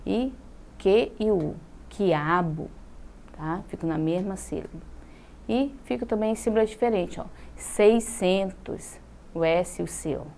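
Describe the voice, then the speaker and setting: A Brazilian woman teaching a recorded lesson for children, patient and slow on key words, often checking in with the class. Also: lowish voice, vocal fry, a little mellow, a little hiss or hum. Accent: Brazilian Portuguese. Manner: patient, drawn-out syllables with frequent "tá?" check-ins.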